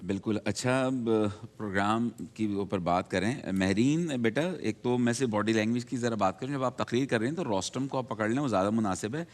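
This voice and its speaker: A man's voice: on the low side, hardly any pauses, in a large hall. A man judging a student debate, giving fatherly, direct feedback to the young speakers. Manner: fatherly, calls students "beta", gentle but direct. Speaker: debate judge. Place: TV studio.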